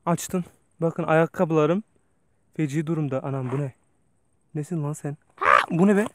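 A man's voice: on the high side, moderate pace, background noise. A man vlogging outdoors while walking through a forest alone, nervous and joking, talking to himself and to viewers. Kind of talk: casual vlog while hiking alone.

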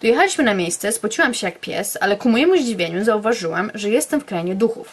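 A woman's voice: mid-range voice, animated, quick pace, husky. A young woman reading aloud bedtime stories she wrote as a child, in a playful storytelling manner with offhand asides. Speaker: YouTuber.

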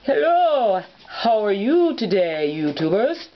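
A woman voicing a cheerful, polite male Scottish Terrier toy in a high, sing-song put-on voice with stretched-out words. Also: big pitch swings, slow pace. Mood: friendly. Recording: dull lo-fi home recording.

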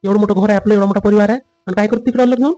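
A man playing a dutiful husband and son in a family drama skit, with a rapid, lecturing manner. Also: sits high, steady tone, dark tone, no room sound, highs cut off, close to an everyday voice. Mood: placating.

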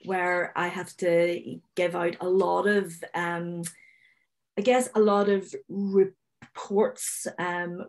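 A woman in her forties with a Northern Irish accent, a finance manager, speaks as a webinar panellist on a video call from a room at home, picked up by a webcam mic. Her voice is medium-pitched and darkish, and she stammers openly with repeated sounds while staying direct and confident.

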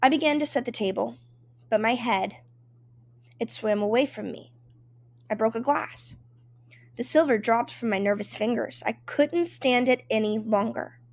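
A woman's voice: a little high, normal speed, creaky, pauses often, dry recording. A woman reading a first-person memoir aloud in an emotive, dramatic storytelling manner. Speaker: reader.

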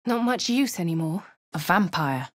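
With a lowish, expressive voice at normal speed, an actress narrates and remarks as a posh female adventurer, the player character of a fantasy game. Her manner is dry, composed and refined, her diction crisp upper-class English. No echo is present.

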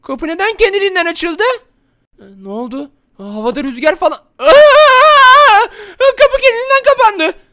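A man doing a shrill, jumpy, whiny uncle. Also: very animated, a bit bright, heavily acted. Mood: grumbling, puzzled. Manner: shrieking, whiny, quick to panic. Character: excitable clumsy adult man, easily scared. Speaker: game video host. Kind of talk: Minecraft role-play voice acting.

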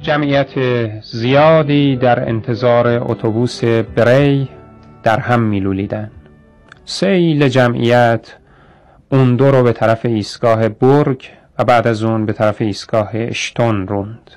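A man's voice: medium pitch, darkish tone, faint music behind. Man reading a radio story. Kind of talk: scripted radio story narration.

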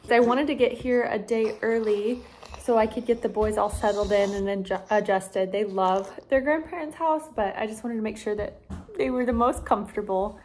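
A woman's voice: medium pitch, steady tone, normal speed, darkish tone, a little hiss or hum. A young woman chatting casually to the camera as a vlogger and mother of twins, rambling and saying "like" a lot, recorded in a parked car on a phone held at arm's length. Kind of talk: casual vlog chat.

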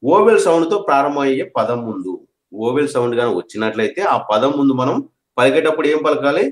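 A man's voice: medium pitch, expressive, fast. A man teaching an English grammar lesson, repeating each point and checking that his students understand. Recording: echoey room.

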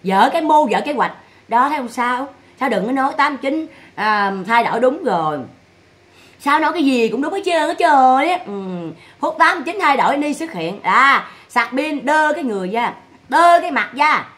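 A woman rants in a scolding, mocking vlog monologue, firing off rhetorical questions. Her voice sits high and bright. She keeps up a sharp, needling edge throughout. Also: sing-song, brisk. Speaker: vlogger commenting on family drama.

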